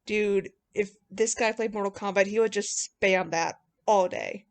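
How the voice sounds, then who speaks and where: A woman's voice: mid-range voice, steady tone, a little slow. A woman doing casual commentary on her own old writing as she reads it out, with mocking, self-deprecating asides. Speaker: video host reviewing own old writing. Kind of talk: casual commentary with read-aloud story passages.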